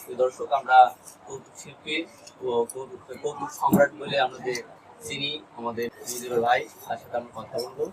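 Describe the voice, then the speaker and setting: A man's voice: medium pitch, little pitch movement, brisk. A man with a Bangladeshi accent, working as a local news interviewer in an informal on-location chat. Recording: distant mic, faint ambient noise.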